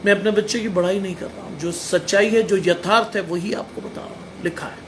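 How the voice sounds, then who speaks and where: Blunt high-voiced preacher. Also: male voice, fairly even intonation, a little fast, a little hiss or hum. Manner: blunt, emphatic preaching with rhetorical questions. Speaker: pastor. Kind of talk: sermon.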